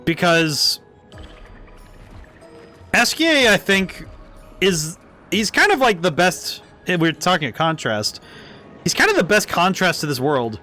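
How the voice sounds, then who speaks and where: A man's voice: high-pitched, sing-song, a little slow, pauses often, pushed and bright. A man giving casual live game commentary as a streamer, enthusiastic and thinking aloud. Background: game music.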